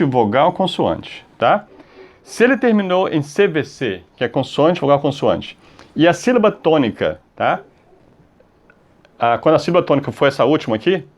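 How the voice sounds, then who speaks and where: A Brazilian man teaching an English grammar lesson. He stretches out the example words and keeps checking in with the class between steps. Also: on the high side. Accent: Brazilian Portuguese. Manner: drawn-out model words, repeated checks like "tá?" and "ok?". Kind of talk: explaining grammar rules on a video lesson.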